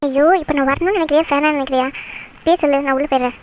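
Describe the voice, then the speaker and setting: A woman's voice: high-pitched, fairly even intonation, rapid-fire, lo-fi sound, slight background noise, natural voice. A woman voicing a bickering, sarcastic young woman in a cartoon series, given to muttered asides. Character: bickering sharp-tongued young woman, Kalai. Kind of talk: cartoon web series dialogue.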